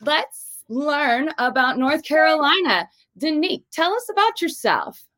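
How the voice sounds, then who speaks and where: A woman's voice: sits high, animated, a little slow, fairly bright tone, no room sound. A woman hosting an interview, welcoming guests and asking them questions in an upbeat way. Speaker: recruiter, interview host.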